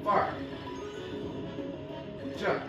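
A man giving casual play-by-play commentary on a game, calling out each jump and move in short bursts. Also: very slow. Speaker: gameplay commentator. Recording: echoey room, far from mic, game music.

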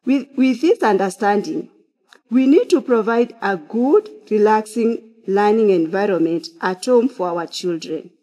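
Woman giving calm counseling advice. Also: mid-range voice. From Kenya. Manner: measured, instructive, opens with prayer. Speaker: counseling psychologist. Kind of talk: church talk to online viewers. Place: church sanctuary behind a glass pulpit.

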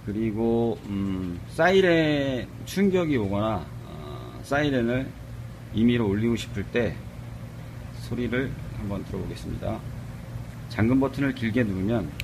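Low-voiced man demonstrating a car alarm. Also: lively intonation, measured pace, background noise. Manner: hesitant, many fillers, plain explanatory. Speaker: car accessory shop presenter. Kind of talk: casual product demonstration.

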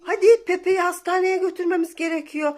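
A young woman, a mother, talking playfully to viewers and her toddler in an animated, coaxing, exclamatory way. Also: very high-pitched, a little fast. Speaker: mother playing with her child on camera.

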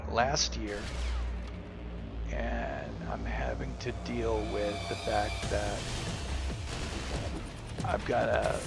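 Creaky, cracking-voiced man gaming. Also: fairly low pitch, lively intonation, drawn-out words, pauses often, loud music behind the voice. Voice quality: cracking, strained voice. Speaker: gameplay streamer. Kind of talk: casual, sweary game commentary.

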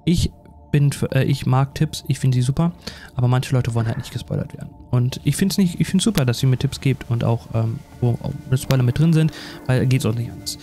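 A gaming YouTuber gives casual, rambling let's play commentary in a chatty, self-deprecating way. His voice is mid-range and mellow, and he speaks briskly over soft background music.

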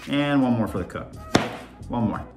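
Cooking in his home kitchen, a young adult vlogger rambles casually and tosses in playful asides. His mid-range voice has lively intonation and a moderate pace, picked up by a camera on the counter as he moves around, with clear music playing beneath.

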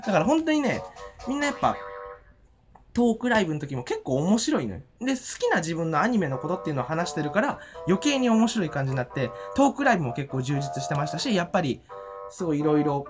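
A man giving an excited, giddy and rambling fan report from home, full of fillers and giggles. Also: on the high side, fast, music in the background. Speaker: fan vlogger. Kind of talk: casual event report vlog. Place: at home after the event.

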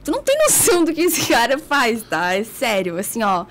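A woman's voice: on the high side, huge pitch swings, moderate pace, slight background noise. A woman from Brazil, a podcast guest, telling a personal story in a frank, blunt way with laughs between lines. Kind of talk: candid confessional storytelling.

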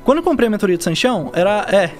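Young male Brazilian podcast guest, high voice, rapid casual slangy delivery, explaining by example. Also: very animated, a little mellow, soft background music. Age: young adult. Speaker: podcast guest, digital marketer. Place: indoor podcast studio. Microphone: dynamic mic on boom arm, close.

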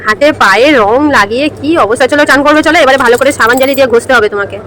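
A high-pitched woman talks casually to a small child. She coaxes with short, repeated questions and instructions. The home recording carries faint background noise. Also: rapid-fire, a bit bright. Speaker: family carer filming a young child.

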